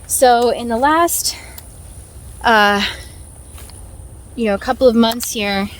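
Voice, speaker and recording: A higher-voiced American woman speaks slowly as she chats on a hike. Hosting her vlog, she talks casually to camera while walking the trail, informal and chatty with little chuckles, against outdoor ambient noise.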